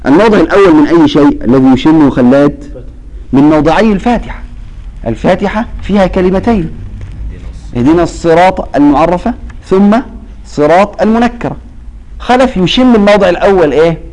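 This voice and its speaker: A man with a somewhat high-pitched voice and an Egyptian accent teaches a classroom lesson on Quran recitation. He talks in a call-and-response way, leaving questions hanging for his students to finish. When he recites a verse, he stretches it out slowly. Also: lively intonation, darkish tone, poor audio. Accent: Egyptian Arabic. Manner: quizzes students with fill-in-the-blank questions; slow, drawn-out recitation of verses.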